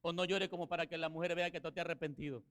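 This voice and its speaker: A man's voice: fairly high pitch, steady tone, rapid-fire. Impassioned male pastor preaching. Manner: impassioned preaching, swelling to shouts then dropping soft. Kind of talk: sermon.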